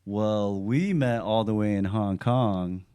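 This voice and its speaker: A man around thirty from Los Angeles, a podcast guest talking in a halting, thoughtful way with many fillers. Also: lowish voice, warm tone, clear, resonant tone. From Los Angeles, United States. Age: 30s. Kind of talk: casual podcast chat. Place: studio.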